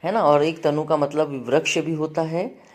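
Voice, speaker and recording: A man's voice: fairly high pitch, steady tone, measured pace. A male teacher running an exam-prep grammar lesson, listing word meanings and checking in with students with frequent "है ना" and "ठीक है".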